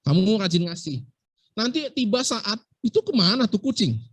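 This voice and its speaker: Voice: mid-range voice, very animated, normal speed, slightly rough, no echo. A medical school lecturer giving a casual, playful lesson and often asking the class rhetorical questions.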